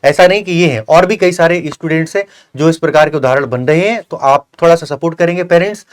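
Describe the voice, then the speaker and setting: Hosting an interview with a successful candidate on his coaching channel, a young man talks at a quick pace in a rather high voice. His advice is earnest but repetitive and full of filler words.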